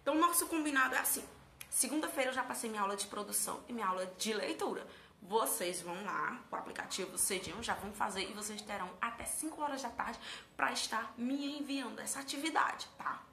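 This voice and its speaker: Woman teacher, recorded lesson for kids, bright voice, gravelly edges, echoey room, faint hiss. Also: a little high, fast talker. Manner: warm, patient, speaks to children as "tia". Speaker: primary school teacher. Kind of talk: recorded remote lesson for children.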